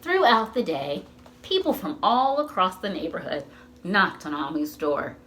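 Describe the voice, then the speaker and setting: At a library storytime, a woman whose pitch sits fairly low reads a picture book aloud to little ones. She goes slowly and animatedly, reading with expression and stopping to ask the listeners questions, over slight background noise.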